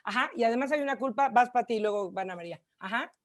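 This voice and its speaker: A woman's voice: on the high side, racing. A Mexican woman leading an online group session, encouraging and colloquial, heard over a video call. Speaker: workshop facilitator.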